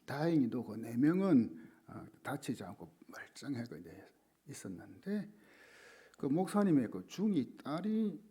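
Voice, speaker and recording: A man's voice: medium pitch, big pitch swings, measured pace, dark tone, breathy edge. A male pastor preaching a sermon, telling a story dramatically and often dropping to a whisper.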